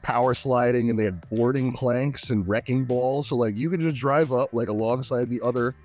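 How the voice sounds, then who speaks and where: A man's voice: mid-range voice, moderate pace, darkish tone, soft background music. A man chatting as a podcast guest, eager and full of restarts and filler words. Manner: enthusiastic, many "like" fillers and restarts. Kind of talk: casual chat.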